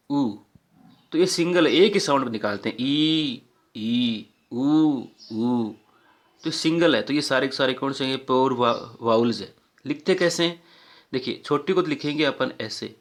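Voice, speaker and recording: A man's voice: medium pitch, fairly bright tone. A man teaching a casual phonetics lesson, patiently explaining and repeating vowel sounds aloud.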